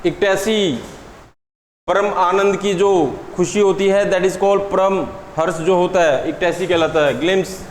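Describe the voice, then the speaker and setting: A man teaching an exam-prep lesson in a classroom. He asks his students questions and answers them himself, and he says words slowly and deliberately. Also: high-pitched, steady tone. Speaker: English teacher. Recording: echoey room with long reverb and faint noise.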